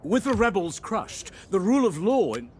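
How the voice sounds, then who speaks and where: A man's voice: sits high, very animated, normal speed, slight background noise. A man playing an authoritative Roman advisor in a video game, narrating in a formal, instructive, theatrical manner. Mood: grave counsel.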